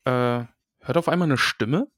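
A man's voice: mid-range voice, unhurried, fairly bright tone, no echo, studio quality. A man co-hosting a casual podcast, chattily retelling a book chapter with playful voiced quotes. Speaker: podcast co-host.

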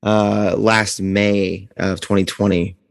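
A man's voice: on the low side, flat delivery, slow, gravelly, dry recording, studio quality, in a large hall. A man hosting a podcast in a casual, chatty style. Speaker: podcast host. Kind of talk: casual chat.

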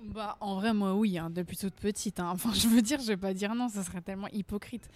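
A woman's voice: medium pitch, steady tone, brisk, darkish tone. Chatty young woman singer. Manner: chatty, laughs often, many fillers and restarts. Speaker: singer guest. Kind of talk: casual interview chat.

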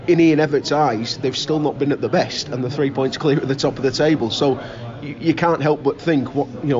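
Male football pundit in interview, emphatic and repetitive, mid-pitched, busy crowd sound behind. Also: lo-fi sound. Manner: emphatic, repeats words. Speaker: local radio football commentator. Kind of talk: enthusiastic interview talk. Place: busy pub. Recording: busy pub chatter behind.

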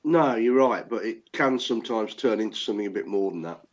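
A man speaks over a video call, his lowish voice coming through dull and lo-fi. He talks football in a plain, measured way as a pundit on a casual debate show. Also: lively intonation.

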